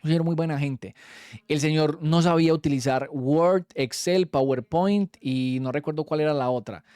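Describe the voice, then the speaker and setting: A man's voice: fairly high pitch, moderate pace, darkish tone, smooth, no room sound, clean studio sound. A young Colombian man with a Colombian Spanish accent, telling a story in a casual, slangy way and swearing freely as a streamer.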